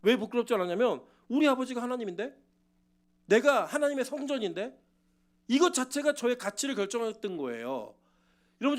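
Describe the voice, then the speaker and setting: A man preaching a sermon as pastor, swinging between loud exhortation and quiet personal storytelling. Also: high voice.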